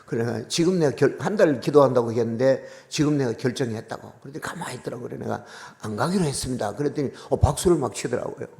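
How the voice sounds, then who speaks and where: An older man, a retired pastor with a Gyeongsang accent, preaching a sermon in a storytelling manner that swings between hushed asides and loud exclamations. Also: mid-range voice, fast, gravelly, hardly any pauses, long reverb tail. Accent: Gyeongsang Korean.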